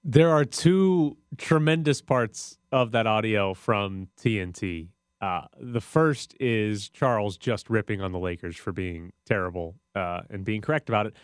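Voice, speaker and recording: A man's voice: on the low side, measured pace, few pauses, clean tone, no room sound, studio quality. A man hosting sports radio with casual, opinionated talk.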